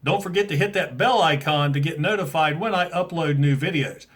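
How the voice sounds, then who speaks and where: A man's voice: on the high side, fairly quick, fairly bright tone. An American man hosting a toy review video, talking casually and enthusiastically like a fan. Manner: enthusiastic, informal fan talk. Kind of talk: casual product review to camera.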